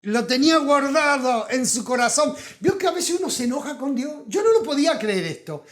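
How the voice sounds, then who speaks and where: A man with a Rioplatense Spanish accent preaching a sermon as pastor, swinging from loud emphatic calls to hushed asides. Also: extremely high pitch, sing-song, fairly quick. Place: auditorium.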